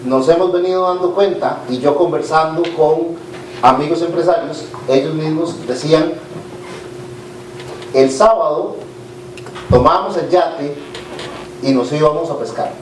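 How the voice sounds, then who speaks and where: A man's voice: fairly high pitch, measured pace, long pauses. Middle-aged Costa Rican man, echoey hall. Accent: Costa Rican Spanish. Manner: informal and candid, frequent "eh" fillers and restarts. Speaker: business leader giving a conference talk. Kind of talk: conversational speech to an audience. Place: conference hall with a live audience. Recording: echoey hall, distant mic, faint noise.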